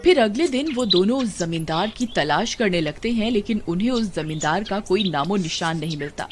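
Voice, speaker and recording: With loud music in the background, a woman narrates a scripted cartoon horror story in a theatrical storytelling manner. Her voice is medium-pitched and animated, and her pace is moderate.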